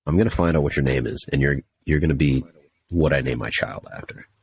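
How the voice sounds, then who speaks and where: A man's voice: very deep voice, fast talker, breathy edge. A young man telling a story casually, ranting in an exasperated, profane way. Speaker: podcast host telling a story.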